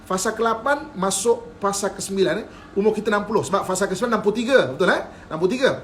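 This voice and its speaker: Racing along in a high voice, a man with a Malaysian Malay accent teaches religion on a live stream, with a little hiss or hum underneath. He keeps things playful, laughing often and asking again and again whether the audience is with him.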